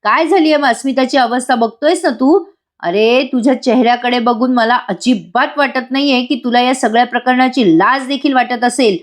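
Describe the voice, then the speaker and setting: A woman's voice: a little high, normal speed, natural voice. A woman reading the lines of a stern father figure in a serial recap, demanding and indignant.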